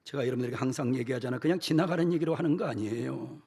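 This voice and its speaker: A middle-aged man, a pastor preaching a sermon, dramatically acting out quotes with shouted outbursts and slow, pleading phrases. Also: medium pitch, vocal fry, breathy edge. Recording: church sermon with long hall reverb.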